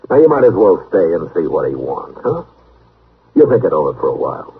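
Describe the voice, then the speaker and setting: An actor playing a calm, authoritative frontier marshal in an old radio western, with an American accent and measured, patient, plain-spoken delivery. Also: male voice, low voice, husky, heavily acted. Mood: reasoning. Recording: noisy, dull old radio recording.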